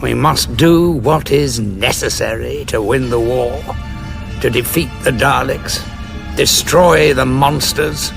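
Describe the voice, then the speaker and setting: An actor playing a weary, guilt-ridden warrior with a bitter conscience in an audio drama, grave and brooding. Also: male voice, medium pitch, takes it slowly, creaky, over music. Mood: bitter, resolute.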